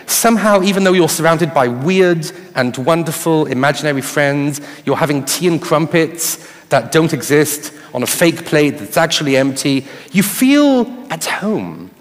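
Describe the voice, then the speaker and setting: A man giving a live conference talk on stage, often putting questions to his audience. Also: fairly high pitch. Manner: addresses the audience with rhetorical questions. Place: on stage in a large hall before an audience. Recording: reverberant hall with audience sound.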